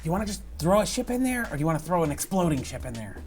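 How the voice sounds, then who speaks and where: A woman's voice: on the low side, very animated, racing, a little mellow. A woman playing a tabletop game, asking practical questions and planning. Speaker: player. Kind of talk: casual play chat.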